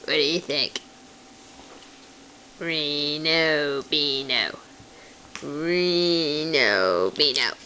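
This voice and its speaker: A woman voicing a timid, childlike male puppet who is wary of cats, speaking slowly and simply to the children in a puppet show. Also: fairly low pitch, expressive, pushed and bright, a little hiss or hum, exaggerated voice, rough recording. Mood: chatty. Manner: talks straight to the children, slow and simple.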